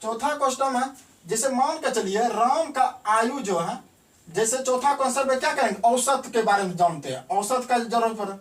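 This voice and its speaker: At a moderate pace, a man with a very high-pitched voice gives a math lesson, heard from far off the mic as his voice echoes around the classroom. Again and again he asks a question and supplies the answer himself, and he says the key words twice.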